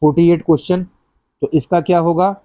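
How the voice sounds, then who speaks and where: Hindi teacher with a dark, dry voice. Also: male voice, on the high side, fairly even intonation, a little fast, dry recording, highs cut off. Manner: explains step by step, repeats answers, asks the class "bhai". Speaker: exam coaching teacher. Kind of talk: exam-prep lesson going through practice questions.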